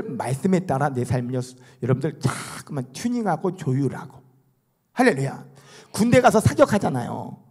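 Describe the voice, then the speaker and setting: A middle-aged man, a pastor preaching a sermon in a church, animated and often calling out hallelujah. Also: sits high, breathy edge. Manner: animated, calls for amens and hallelujahs. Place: church sanctuary.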